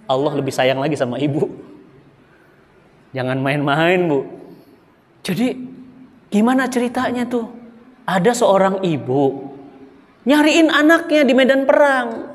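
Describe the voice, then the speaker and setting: A man with a Sundanese accent preaching a mosque sermon, animated and emphatic, often turning to address the women listening. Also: high voice, a little slow, pauses often. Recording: long mosque hall reverb.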